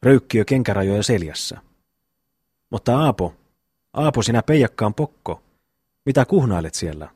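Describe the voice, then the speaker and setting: A man's voice: lowish voice, animated, pauses often, a little mellow, breathy edge, no room sound, clean studio sound. A man reading the part of a hot-tempered eldest brother who scolds and mocks in a blustering way. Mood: scolding, mocking. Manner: blustering, scolding speech with a mocking chuckle. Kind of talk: audiobook reading.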